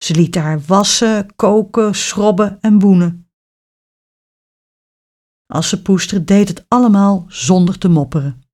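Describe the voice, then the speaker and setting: A woman narrating a children's fairy tale in an expressive storytelling manner. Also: mid-range voice, a little slow, pauses often.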